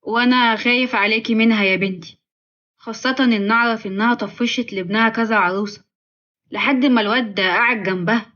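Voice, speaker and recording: A woman's voice: on the high side, steady tone, fast talker, fairly bright tone, dull audio, close to an everyday voice. A woman voicing a protective, reassuring older father with an Egyptian accent. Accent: Egyptian Arabic.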